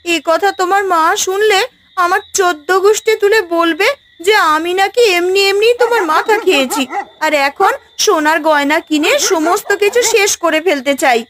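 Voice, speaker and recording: A woman voicing a sulky, high-voiced young wife. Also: normal speed, fairly bright tone, a little hiss or hum. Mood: self-pitying. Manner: complaining, self-pitying. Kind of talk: cartoon voice acting.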